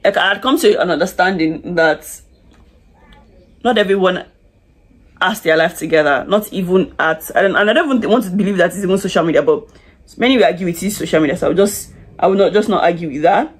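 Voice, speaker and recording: Filming a casual get-ready-with-me video, a beauty vlogger in her twenties talks a little fast in a husky voice on the low side. She does her makeup in a small curtained room, chatting confidingly to a close front camera with many restarts and "like"s.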